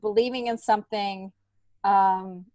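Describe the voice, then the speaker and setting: A middle-aged stand-up comedian, guesting on a podcast, chats casually and candidly in an informal, filler-heavy way. Her mid-range voice is mellow and unhurried with fairly even intonation, and there's no echo.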